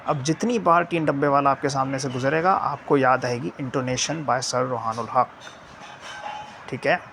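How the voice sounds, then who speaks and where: A man's voice: mid-range voice, moderate pace, creaky, background noise. A man from Pakistan, an English teacher explaining a video lesson in a mix of Urdu and English, checking in with "theek hai" after nearly every phrase.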